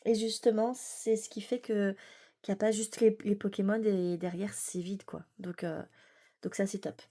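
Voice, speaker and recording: A woman's voice: mid-range voice, level tone, moderate pace, mellow. A woman chatting casually and enthusiastically as she shows her coloring work, with many fillers and restarts. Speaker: coloring vlogger. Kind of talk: casual show-and-tell chat.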